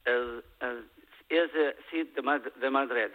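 A man's voice: medium pitch, slow, close to an everyday voice. A man voicing a shy young Romanian footballer who stammers in broken Spanish with a foreign accent over a phone line. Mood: shy, hesitant. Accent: foreign, put-on Romanian. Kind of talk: prank phone interview. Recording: muffled lo-fi radio phone line.

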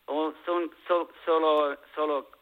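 A man's voice: a little high, flat delivery, slow pace. A man voicing a shy young Romanian footballer who stammers in broken Spanish with a foreign accent over a phone line. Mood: earnest, naive. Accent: foreign, put-on Romanian. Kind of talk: prank phone interview. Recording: muffled lo-fi radio phone line.

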